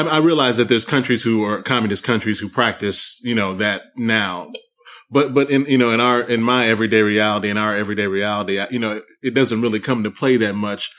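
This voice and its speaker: A man's voice: medium pitch, a bit bright. A man hosting a casual interview podcast, thinking aloud and often repeating words as he frames his questions. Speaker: podcast host.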